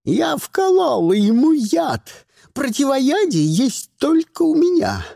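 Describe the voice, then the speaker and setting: A man doing a hysterical poisoner woman with a high, shrill, shrieking delivery, her words dragged out slowly. The voice is dry and close, with no room sound, as in an audiobook read in a treated booth. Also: big pitch swings, gravelly, dark tone, dry recording, full character voice. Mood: threatening shriek. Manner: shrieking, frantic.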